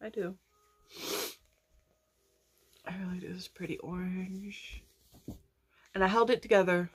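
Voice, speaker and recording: A woman's voice: on the low side, fairly even intonation, moderate pace, breathy edge. A young woman casually chatting about her crochet projects and family, rambling with frequent restarts. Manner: rambling, restarts often, yawning. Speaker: crochet vlogger. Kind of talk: casual chat.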